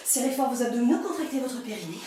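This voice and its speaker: A high-voiced woman fitness instructor exercises as she coaches, puffing with effort between counts and cues. She is playful and urging, heard from far off in a very echoey room with clear noise behind her. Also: lively intonation, fast, mellow. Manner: exerting, breathy puffs while exercising.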